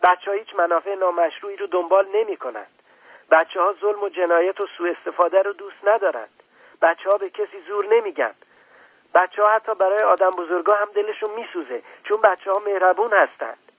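A man's voice: on the high side, vocal fry, breathy edge, no echo, phone-quality sound, pitched above the performer's own voice. A man voicing the little prince, an earnest, indignant small boy, in a storybook reading. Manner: pleading, rising to angry outbursts.

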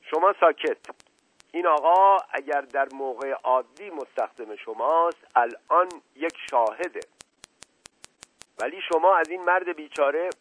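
A man's voice: on the high side, expressive, a bit bright, no room sound, pitched above the performer's own voice. A man playing a barking, suspicious police inspector. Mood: accusing. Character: bossy shouting male police inspector. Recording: dull lo-fi recording.

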